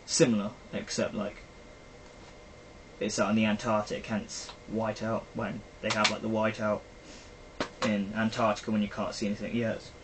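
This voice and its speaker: In a casual chat reviewing films, a young man from Britain rambles with lots of fillers. His voice is lowish with little pitch movement, at normal speed. He's a vlogger, and the recording is poor, with faint background noise.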